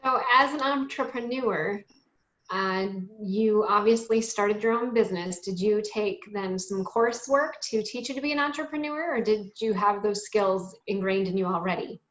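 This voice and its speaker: A woman's voice: mid-range voice, moderate pace, roomy sound, dull audio. A woman interviewing a guest for students, asking short, friendly questions.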